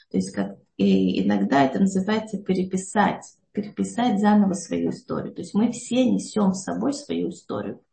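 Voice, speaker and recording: A woman's voice: mid-range voice, creaky, dark tone, echoey room. A woman explaining a psychology idea to an audience, often checking in with a questioning "yes?". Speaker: psychology speaker.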